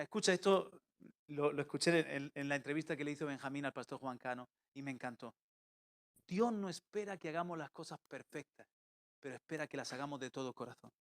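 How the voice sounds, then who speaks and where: A man delivers a sermon as pastor, his voice sitting high in pitch. He shifts from loud, emphatic calls to quiet, intimate asides as he preaches to a church.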